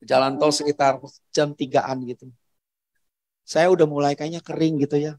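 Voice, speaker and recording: Indonesian male pastor, higher voice, dry close sound, chatty sermon storytelling. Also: steady tone, normal speed, dry recording. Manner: conversational, personal storytelling with soft asides.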